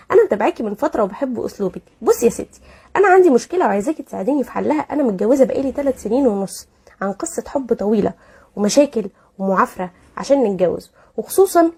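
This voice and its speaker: A woman with an Egyptian Arabic accent reads out listener letters and gives advice. She talks extremely fast in a blunt, sarcastic way. Her voice sits a little high, with a dark, husky tone. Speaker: advice host.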